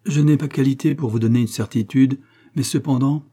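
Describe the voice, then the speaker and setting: A man reading the lines of a sad, self-sacrificing young man in love, delivered in a quiet, restrained way in an audiobook. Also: fairly low pitch, measured pace, breathy edge.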